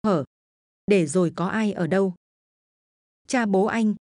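A woman's voice: medium pitch, measured pace, darkish tone, dry recording, clean studio sound, natural voice. A woman voicing an angry, stubborn old village grandmother, scolding shrilly.

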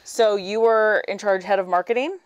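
A woman in her forties hosting a podcast, chatty and quick to ask follow-up questions in a casual interview. She speaks in a small studio set. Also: mid-range voice, clear, resonant tone, lo-fi sound. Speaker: podcast host.

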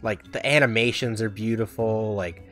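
A man's voice: lowish voice, steady tone, normal speed, a bit bright, soft background music. A man giving casual let's-play commentary in a chatty, giggly, rambling way with many fillers. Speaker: gaming video host.

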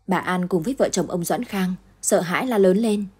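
A woman narrating a late-night short story in a steady, measured reading voice. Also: fairly low pitch, slightly rough.

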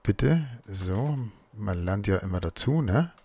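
Let's play host, husky low voice, chatty self-talk, keyboard clicks behind. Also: male voice, animated, slow, a little mellow. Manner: muttering to himself while crafting. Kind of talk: casual gameplay commentary.

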